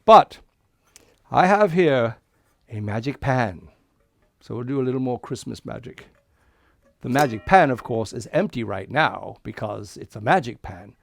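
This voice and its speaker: A man playing a friendly Santa Claus, talking to children like a party magician with showy patter and a gravelly voice. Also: mid-range voice, expressive, no room sound. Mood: showy, jolly. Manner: kids' party magician patter, drawn-out showy counting and reveals. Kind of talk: interactive children's visit over the internet.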